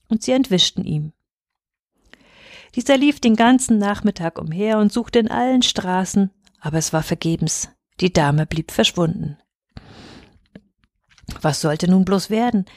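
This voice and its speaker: A woman reading a folk tale aloud in even, clear storytelling narration. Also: medium pitch, no echo, studio quality. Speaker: reader.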